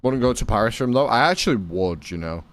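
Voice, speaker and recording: A British man streams a game and chats casually with his live viewers, rambling and swearing freely. His mid-range voice is expressive and fast, and the recording is dry.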